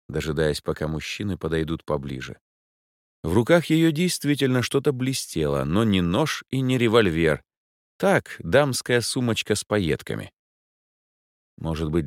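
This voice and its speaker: A man reading an audiobook as narrator, in an expressive storytelling manner. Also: low voice, dry recording, studio quality. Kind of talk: scripted narration.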